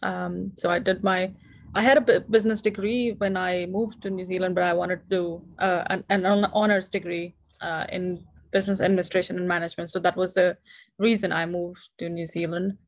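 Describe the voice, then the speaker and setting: A young Indian woman in her twenties who founded a company speaks earnestly as a guest in a casual interview, frequently restarting her words. Her voice is on the low side, level in tone and a little fast.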